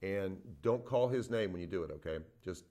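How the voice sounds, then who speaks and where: Over a phone-in radio line, a man with a low, dark voice talks fairly quickly as a veterinarian hosting a call-in show. His advice is casual and folksy, packed with fillers like "uh," and he repeats himself while checking in with "okay?" again and again.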